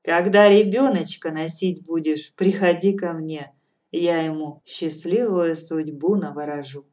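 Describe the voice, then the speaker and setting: A woman's voice: low voice, steady tone, measured pace, darkish tone. Woman voicing a blunt old fortune-teller. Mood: cheerful. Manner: cool, matter-of-fact, firmly lecturing. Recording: distant from mic, faint music behind.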